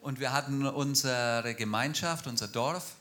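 Bright-voiced male church interpreter. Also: medium pitch, a little slow. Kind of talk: live consecutive interpreting in a church.

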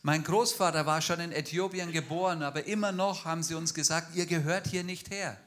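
A man interpreting a speaker line by line at a church, fluent and quick. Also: fairly high pitch, fairly even intonation, fairly bright tone. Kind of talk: live consecutive interpreting in a church.

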